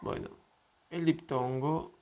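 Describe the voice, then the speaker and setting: A man giving a pronunciation lesson at an unhurried, deliberate pace. He repeats each word patiently for his students to practice. A faint hiss of noise sits under his voice. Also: fairly high pitch, steady tone. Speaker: English teacher.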